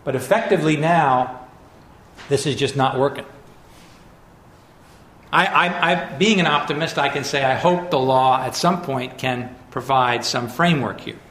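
A man's voice: mid-range voice, a bit bright. Man lecturing in an echoey room. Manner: measured, emphatic, with frequent restarts and fillers. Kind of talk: public lecture with slides.

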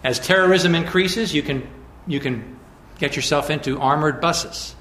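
A man's voice: fairly high pitch, a bit bright, a little hiss or hum. Man lecturing in an echoey room. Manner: measured, emphatic, with frequent restarts and fillers. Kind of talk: public lecture with slides.

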